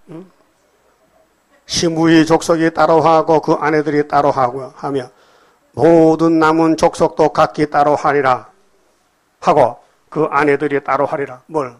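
A man preaching a sermon, reading scripture and explaining it in blunt, colloquial asides, often prodding his listeners with short questions. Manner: swings between loud emphatic outbursts and low murmured remarks. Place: church hall with congregation.

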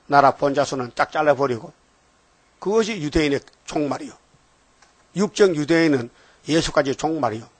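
A man's voice: fairly high pitch, expressive, moderate pace, pauses often, no room sound. An older man giving an informal, rambling sermon, often checking on listeners with short questions. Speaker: preacher.

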